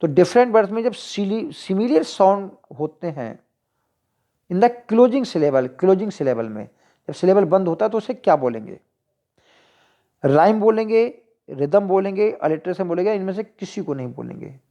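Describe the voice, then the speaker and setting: A woman teacher with a Hindi accent, going through exam practice questions, reading each one slowly and then explaining the answer choices. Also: mid-range voice, lively intonation, warm tone. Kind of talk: exam-prep lesson.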